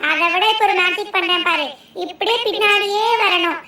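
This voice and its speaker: A woman's voice: extremely high pitch, moderate pace, roomy sound, far from the mic, very noisy. A woman voicing bossy, scolding young girls in a cartoon, talking in a telling-off, know-it-all way. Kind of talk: cartoon dubbing.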